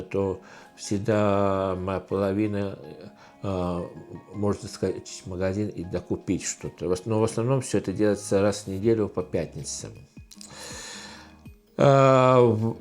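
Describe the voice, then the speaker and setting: Here the channel host, a middle-aged Estonian with a matching accent, answers questions casually for his vlog. The delivery is halting, packed with fillers and false starts, in a voice on the low side and a little mellow.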